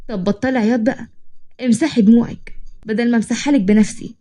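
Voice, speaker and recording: A woman's voice: on the high side, fairly even intonation, quick pace, mellow, natural voice. A woman voicing a boastful, joking young man with an Egyptian accent, kind and playful. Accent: Egyptian Arabic. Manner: joking, bragging.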